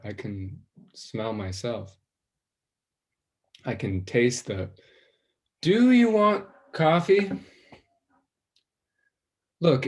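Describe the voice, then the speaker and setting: In a stage play, an actor with a mid-range voice portrays a nervous, self-conscious young man. He rambles, stalls, and drifts off into quiet self-doubt.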